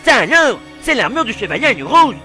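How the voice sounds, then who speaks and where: A man's voice: very high-pitched, very animated, brisk, music in the background. A man voicing and narrating a cartoon parody dub, sarcastic and theatrical.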